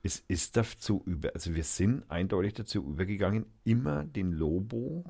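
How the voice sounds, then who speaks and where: A man hosting an informal radio show, introducing songs and joking with his co-host. His speaking voice sits low for a man. He rambles, hunting for words and correcting himself as he goes. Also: lively intonation, normal speed, creaky, mellow, breathy edge. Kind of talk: casual radio banter.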